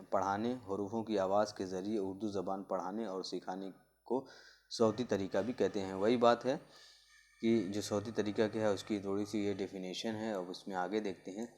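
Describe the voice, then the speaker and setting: A man giving an exam-prep lecture on teaching methods, explaining slowly with many fillers and spelling out letter sounds. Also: lowish voice, steady tone, a little mellow. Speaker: Urdu pedagogy teacher.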